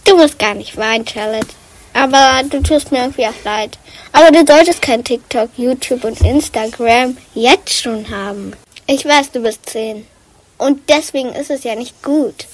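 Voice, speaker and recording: A woman's voice: on the high side, moderate pace, a little hiss or hum, lightly acted, low-quality recording. A woman playing a sympathetic but firm young girl, consoling and matter-of-fact in improvised pretend play.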